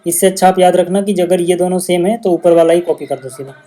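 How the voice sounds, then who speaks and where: मधुर आवाज़ में समझाता हिंदी भाषी पुरुष शिक्षक. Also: male voice, high voice, steady tone, fast talker, warm tone. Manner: casual, patient explaining with repeated checks. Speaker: maths teacher. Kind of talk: explaining a maths lesson on video.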